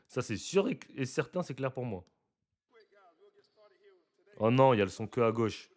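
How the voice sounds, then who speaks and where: A young man giving casual live reaction commentary to basketball footage, slangy and chatty, breaking into loud excited exclamations. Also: medium pitch, unhurried.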